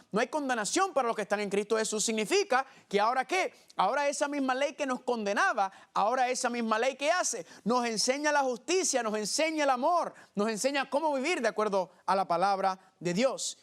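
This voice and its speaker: High-voiced preacher asking rhetorical questions. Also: male voice, fairly bright tone. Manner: asks rhetorical questions and answers them; keeps addressing listeners as family. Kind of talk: Bible teaching sermon.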